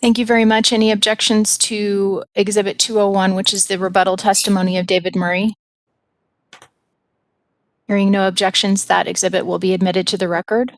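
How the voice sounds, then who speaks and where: Casting: woman, presiding judge, medium pitch, formal and polite procedural delivery, very dry sound. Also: flat delivery, a little fast, no echo. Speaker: judge presiding over a regulatory hearing. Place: remote hearing by audio and video link.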